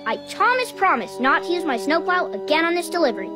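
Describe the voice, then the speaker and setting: A woman's voice: very high voice, fast. A bouncy boy train engine. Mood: sorry. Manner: excitable, bouncy, shouts catchphrases. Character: eager young boy steam engine, easily distracted. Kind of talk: cartoon voice acting. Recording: studio cartoon audio with loud music. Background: cartoon music.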